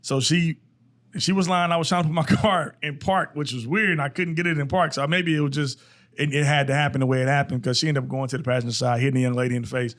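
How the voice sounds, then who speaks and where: A young man co-hosting a podcast, recounting his side in a calm, reflective way. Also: a little high, quick pace. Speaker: podcast co-host. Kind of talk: casual chat.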